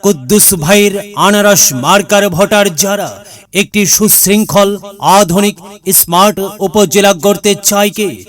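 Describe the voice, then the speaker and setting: A man's voice: sits high, measured pace, fairly bright tone. A man announcing an election campaign promo in a formal, declamatory way, chanting rhyming slogans. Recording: music bed behind the voice.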